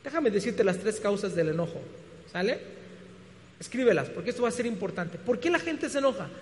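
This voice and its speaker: A man preaching a sermon, animated and full of rhetorical questions, often restarting his words. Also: high-pitched, fairly quick. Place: church hall. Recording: reverberant hall.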